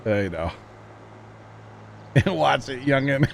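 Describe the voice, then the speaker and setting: A Missouri man in his mid-thirties chats casually on a livestream of a farming game, joking, teasing friends, and using lots of fillers. His medium-pitched voice is animated, slow, and carries vocal fry, with a little hiss or hum in the audio.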